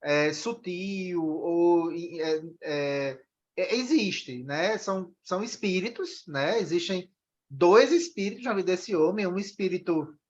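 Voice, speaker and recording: A man's voice: high voice, slow pace, lo-fi sound. A man moderating a discussion after a film screening, talking with many restarts and "né?" tags.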